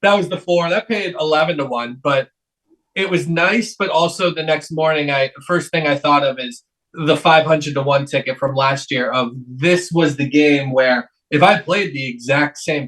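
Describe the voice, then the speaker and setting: A man's voice: fairly high pitch, moderate pace, a bit bright, recorded from a distance, rough recording. A man hosting a casual sports betting chat, speaking hesitantly as he thinks aloud. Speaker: sports betting podcast host.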